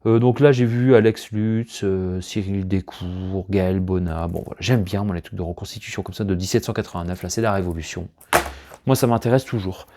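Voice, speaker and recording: A man's voice: low voice, fairly even intonation, normal speed, mellow. A man casually showing off his collection finds at home, rambling and hesitant, often chuckling. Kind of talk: casual unboxing chat to camera. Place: room at home, indoors.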